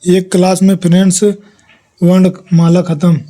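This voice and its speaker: Slow, flat-voiced man teaching. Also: high-pitched. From India. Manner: reads notes aloud, listing letters one by one. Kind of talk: exam revision lesson.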